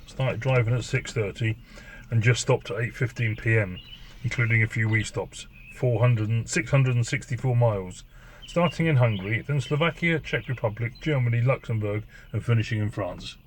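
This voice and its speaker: A man's voice: medium pitch, normal speed, a little hiss or hum. A man chatting casually in a travel vlog from his motorhome, rambling with plenty of fillers and restarts. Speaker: vlogger. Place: motorhome on the road.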